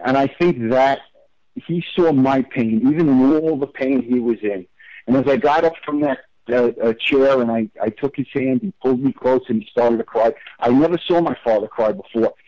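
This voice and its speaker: A man as an interview guest, telling a personal story in a candid, heartfelt, halting way. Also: mid-range voice, dry recording, dull audio.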